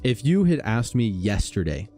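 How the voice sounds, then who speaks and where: A man livestreaming games, chatting casually with viewers and telling stories in an animated, slangy way. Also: fairly low pitch, moderate pace, faint music behind. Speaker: gaming livestreamer.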